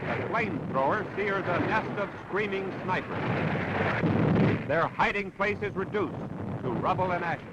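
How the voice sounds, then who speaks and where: An American newsreel narrator reads a scripted wartime newsreel in a dramatic, declamatory 1940s style. His voice is high-pitched, animated and a little slow, and the 1940s soundtrack is dull and very noisy.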